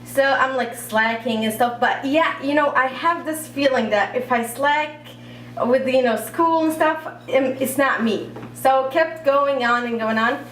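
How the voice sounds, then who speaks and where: A young woman, a native Arabic speaker who grew up in Iraq, telling her own story on a cafe stage, talkative and halting with lots of fillers. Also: high-pitched, a bit bright, a little hiss or hum. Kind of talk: live personal storytelling. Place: cafe stage at a live event. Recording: roomy cafe, speaker far from mic.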